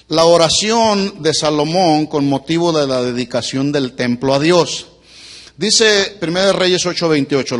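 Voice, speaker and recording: High-voiced man preaching a sermon. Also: fairly bright tone. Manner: teaching, quizzing the congregation with questions. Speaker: pastor. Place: church before a congregation.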